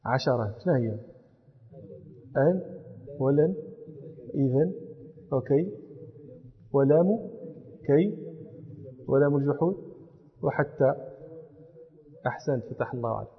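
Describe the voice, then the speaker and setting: Give me a man lecturing students on grammar, patient and explaining, with a husky voice. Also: medium pitch, expressive, measured pace, long pauses. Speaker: teacher of Islamic law and Arabic grammar. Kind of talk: classroom lecture. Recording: lo-fi recording in a reverberant hall.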